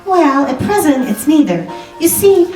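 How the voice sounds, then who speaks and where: In 1940s radio-drama style, a woman plays an anxious, genteel young wife who seeks a detective's help, sounding polite, fretful and hesitant. Her voice is high-pitched, sing-song, unhurried and a little mellow. The recording is roomy, with a distant mic and music behind her.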